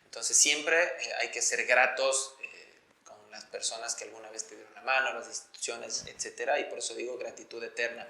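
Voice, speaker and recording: An Ecuadorian sports journalist, a man, appears as an interview guest and explains his views and experiences in an earnest, articulate, conversational way. His medium-pitched voice is brisk, creaky, and sharp, with fairly even intonation, and the room sounds echoey.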